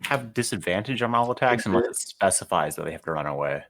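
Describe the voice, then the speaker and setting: A man's voice: low voice, expressive, fast talker, fairly bright tone. A man playing a tabletop game, chatting casually and reading out the rules plainly. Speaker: player.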